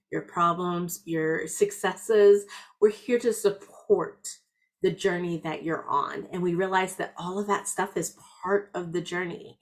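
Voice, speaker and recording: A middle-aged woman coaching entrepreneurs in an earnest, encouraging motivational talk. Her pitch sits right in the middle for a woman. She slips in warm, friendly asides as she goes. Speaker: business coach.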